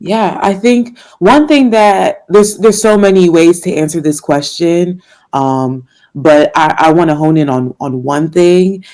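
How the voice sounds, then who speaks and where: Speaking unhurriedly in a fairly low, slightly mellow voice, a young woman jazz singer from Washington, D.C., United States, responds to interview questions. She comes across as earnest and faith-filled, with laughs and filler words.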